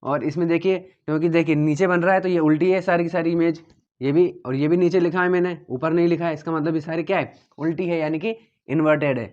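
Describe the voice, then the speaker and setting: A man walks his students through a physics lesson step by step, going back over each point and checking often that they follow. His voice sits a little high. The recording sounds dull and lo-fi. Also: fast. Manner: steady and repetitive, checking understanding often. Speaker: teacher.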